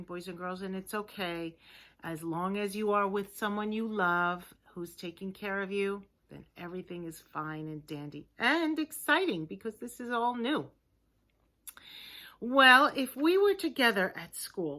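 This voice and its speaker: Teaching young children straight to camera, a woman uses simple, encouraging words and deliberate, emphatic phrasing. Her medium-pitched voice sounds pushed and bright.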